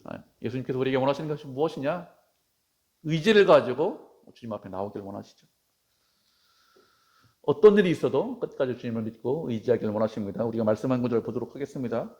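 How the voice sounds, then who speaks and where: A man's voice: mid-range voice, lively intonation, fast, dark tone. A male pastor preaching a sermon in a church, emphatic, repeating key phrases and stretching his stressed words.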